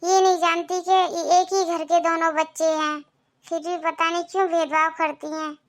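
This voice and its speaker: A gentle elder daughter-in-law in a cartoon family speaks in a very high, soft voice, as a woman plays her. She sounds sympathetic and caring. Her words come with quiet concern. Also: level tone, moderate pace. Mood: troubled. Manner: sighing, sympathetic, soft-spoken. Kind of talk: Hindi cartoon voice acting.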